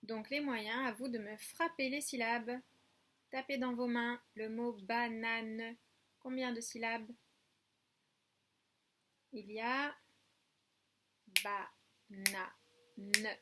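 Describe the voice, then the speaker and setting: A French-accented woman teaches a lesson to small children, taking each number and syllable very slowly. Her voice is bright and fairly high. She stretches out every word so the little ones can follow. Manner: slow, clear, drawn-out counting and syllable spelling. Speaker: preschool teacher. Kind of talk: home-school lesson video for young children.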